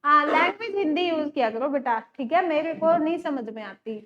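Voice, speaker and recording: A woman's voice: high-pitched, expressive, brisk, crowd noise. Chatty woman teacher, muffled audio. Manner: chatty, addresses students as beta. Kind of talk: classroom lecture.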